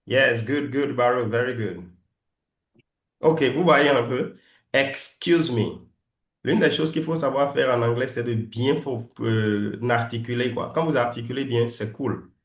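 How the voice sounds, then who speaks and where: Roomy, playful French-speaking teacher. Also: male voice, medium pitch, measured pace. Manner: lively, teasing, switches between French and English drills. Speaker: English teacher. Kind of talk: online class coaching pronunciation.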